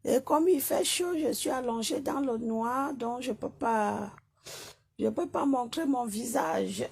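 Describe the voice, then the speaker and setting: Hoarse, gravelly woman streaming. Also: on the high side, slow pace, a little mellow. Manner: repeats greetings over and over, then rants at a viewer. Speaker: live-stream host. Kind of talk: live-stream chat. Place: lying down in a dark room.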